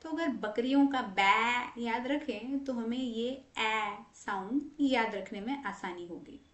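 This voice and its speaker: A woman with an Indian accent teaching English pronunciation, patiently drawing out each sound. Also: a little high. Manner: slow, patient, demonstrates sounds by drawing them out. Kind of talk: relaxed explanatory lesson. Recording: echoey room.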